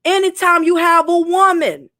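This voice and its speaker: A woman's voice: extremely high pitch, little pitch movement, moderate pace, a bit bright. A woman from New York giving a blunt, profane casual commentary monologue to her viewers. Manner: blunt, profane, with mimicked voices. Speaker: content creator.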